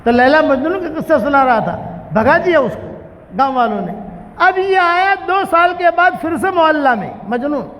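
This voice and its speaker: High-voiced male preacher in an echoey hall. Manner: animated storyteller, voicing characters in dialogue. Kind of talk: storytelling sermon. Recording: dull, muffled recording in a large reverberant hall.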